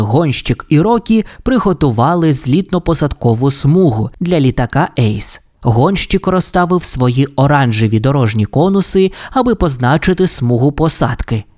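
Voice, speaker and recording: A woman narrating a children's audio fairy tale in an expressive, animated reading. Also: rumbling low, moderate pace, hardly any pauses. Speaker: storyteller. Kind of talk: storybook narration.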